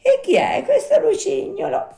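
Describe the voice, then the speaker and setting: A woman voicing a kindly little female marmot who speaks slowly and sighs with sympathy. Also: very high-pitched, wildly swooping pitch, vocal fry, voice pushed up, exaggerated voice. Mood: consoling. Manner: slow, soft, sighing and sympathetic.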